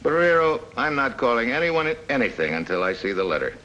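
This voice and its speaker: An actor playing a tough, terse American special agent in a 1950s radio drama. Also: male voice, mid-range voice, sing-song, quick pace, pushed and bright, lo-fi sound, a little hiss or hum. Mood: wry. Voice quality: terse, wry.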